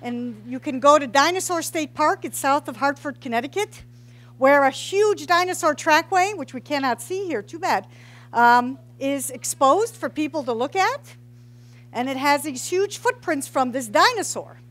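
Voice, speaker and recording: A middle-aged geology professor gives an informal public science talk through a headset mic in a large brick-walled hall, joking with and quizzing the audience. Her high voice is animated and a bit bright, at a normal speed.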